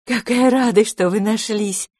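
A woman's voice: medium pitch, unhurried, a little mellow, no echo, studio quality, pitched above the performer's own voice, lightly acted. A woman voicing a kind, caring domovoy mother in a storybook, worried and a little breathless.

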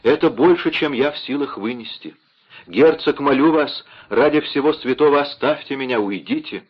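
A man's voice: mid-range voice, moderate pace, breathy edge, muffled recording, pitched above the performer's own voice, natural voice. A man voicing an anguished, proud young queen in an audiobook, pleading and emotional.

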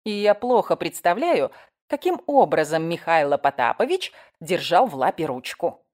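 Woman narrator voices a sharp-tongued, teasing woman editor; audiobook, low-ish pitch. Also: very animated, moderate pace. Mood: mocking. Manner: sarcastic, giggling, teasing. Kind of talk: audiobook reading.

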